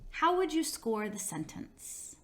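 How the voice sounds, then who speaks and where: Slow, measured female training narrator. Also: a little high, big pitch swings, fairly bright tone. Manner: measured, clear, step-by-step explaining. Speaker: instructor in a teacher training video. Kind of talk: scripted instructional narration.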